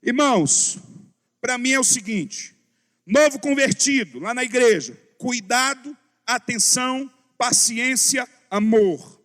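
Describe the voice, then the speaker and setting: High-voiced pastor preaching in echoing hall. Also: male voice, slow. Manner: animated, acts out dialogue. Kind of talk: sermon with storytelling. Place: large church hall. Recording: long church hall reverb.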